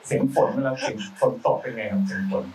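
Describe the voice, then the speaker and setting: This guest, a man who designs sound for films, talks fast in a chatty, slang-heavy way, often starting his sentences over on a relaxed talk show. A crowd can be heard behind him, and he's somewhat far from the mic amid faint noise.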